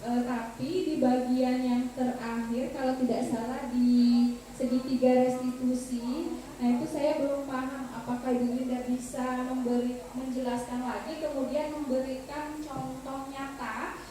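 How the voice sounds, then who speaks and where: A woman's voice: sits high, little pitch movement, a little slow, dark tone, recorded from a distance. A woman teacher politely asking the presenter a question, thanking her formally. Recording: very echoey room, voice from afar, faint noise.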